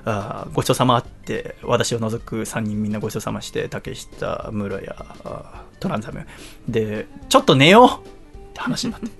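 A man's voice: fairly low pitch, normal speed, gravelly, soft background music. A man hosting a radio show, casually telling a long personal story, laughing often and acting out what others said. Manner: animated, laughs often while telling, acts out quoted lines.

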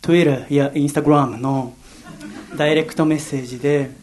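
A man's voice: fairly high pitch, fairly even intonation, moderate pace, darkish tone, slight background noise. A young man from Yokohama hosting a solo radio show, telling personal stories in an earnest, reflective way. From Yokohama, Japan. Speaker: radio host.

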